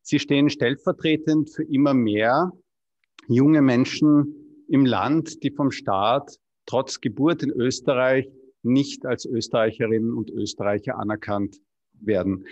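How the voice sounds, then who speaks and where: A man's voice: medium pitch, measured pace, darkish tone, no echo, dull audio. A man moderating a press conference, politely introducing the speakers in a formal manner.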